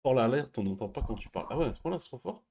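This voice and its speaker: A man hosting a stream, chatting casually and reading viewer messages, speaking quietly and laughing often. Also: medium pitch, animated, rapid-fire, gravelly. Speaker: stream host.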